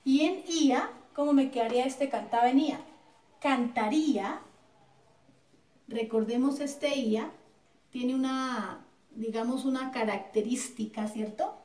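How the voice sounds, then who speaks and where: Far from the microphone in an echoey room, a Colombian schoolteacher with a high but darkish voice leads a recorded grammar lesson at a measured pace. She is patient, repeating words and making sure her students follow.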